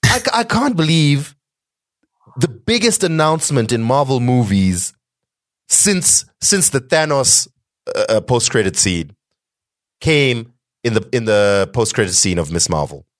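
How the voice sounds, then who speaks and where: A man from Zimbabwe hosting a podcast chat, excitable and eager. His voice jumps all over in pitch as he gets worked up. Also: unhurried. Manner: excitable, lively, enthusiastic. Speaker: podcast host. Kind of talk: casual chat.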